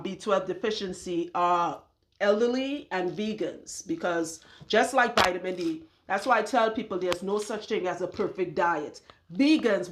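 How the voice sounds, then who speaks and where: A woman's voice: medium pitch, noisy background. A woman who works as a loc stylist talks casually and bluntly to her viewers about her supplement routine, laughing often as she goes. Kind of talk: casual talk to camera.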